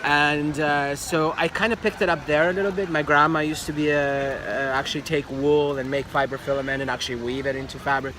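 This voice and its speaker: An Albanian man, a fashion designer, speaks casually as an interview guest, emphatic and repeating phrases for stress. His voice sits on the high side with little pitch movement, and he talks a little fast with few pauses. Traffic noise from an outdoor street fills the background.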